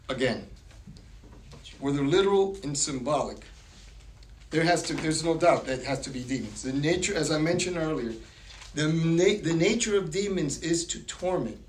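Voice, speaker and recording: A man teaching a Bible study group in a casual way, reading verses aloud and acting out a story with lively voices. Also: fairly high pitch, measured pace, pauses often, roomy sound, far from the mic, a little hiss or hum. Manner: animated, acts out quoted voices in a story.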